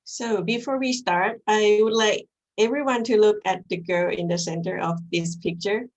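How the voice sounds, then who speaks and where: Speaking over a video call, this graduate student from Thailand delivers an academic talk in a measured, earnest, somewhat halting way. She is young, a native Thai speaker with a Thai accent, and her mid-range voice is captured in dull audio.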